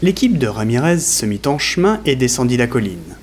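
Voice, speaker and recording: A man's voice: mid-range voice, big pitch swings, a little fast, darkish tone, a little hiss or hum. A man narrating a scripted audio story in a dramatic storytelling manner.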